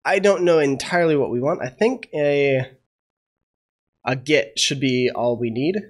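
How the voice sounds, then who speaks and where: With a medium-pitched voice and a measured pace, a programming tutorial host walks through code on a casual screen share. He's a young man recovering from a cold, and he thinks out loud with plenty of "uh" and hesitant side comments.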